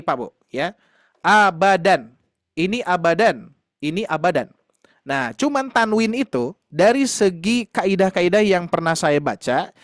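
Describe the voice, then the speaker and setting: A man teaching a Quran reading class, explaining slowly with many fillers and speaking directly to his students. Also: high-pitched, no room sound, clean studio sound. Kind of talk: online tahsin class lecture.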